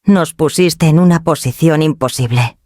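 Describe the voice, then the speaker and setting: A woman's voice: deep voice, moderate pace, a little mellow, no room sound, studio quality, lightly acted. A woman voicing a cold, dismissive adult daughter who speaks curtly and impatiently in a story reading. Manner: curt, impatient.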